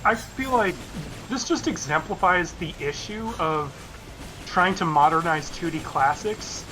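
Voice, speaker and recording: A man's voice: on the high side, measured pace, bright, forceful tone, faint music behind, rough recording. A man giving casual, sarcastic and foul-mouthed commentary over a video game. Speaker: let's play commentator.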